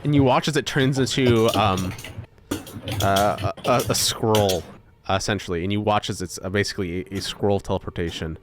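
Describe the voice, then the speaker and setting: A man's voice: on the low side, moderate pace, over music. A man running a tabletop game as game master, narrating in a loose, rambling way full of ums and likes.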